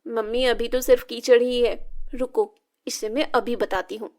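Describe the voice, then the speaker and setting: A woman's voice: on the high side, steady tone, normal speed, a little mellow, lightly acted. A woman voicing a spoiled, mean teenage daughter with a bratty, mocking way of talking.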